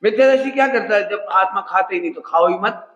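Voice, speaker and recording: A man's voice: sits high, quick pace, fairly bright tone, highs cut off. A man from India giving a religious discourse, questioning his listeners and repeating his points. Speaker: Jain scholar giving a discourse. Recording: echoey hall.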